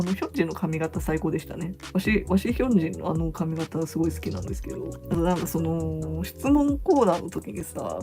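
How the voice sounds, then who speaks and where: Woman rattling off fan notes quick, giggly and gushing, soft mellow voice, faint music under it. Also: on the low side. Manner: gushing and excitable, laughs often; reads out short notes and then comments on them. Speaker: vlogger reading fan reports. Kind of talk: casual fan chat.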